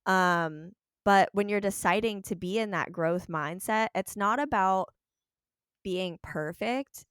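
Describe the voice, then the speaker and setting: A woman's voice: medium pitch, takes it slowly, a bit bright, smooth, dry recording, clean studio sound. A woman hosting a casual podcast chat who thinks aloud in a reflective way, with many "like"s.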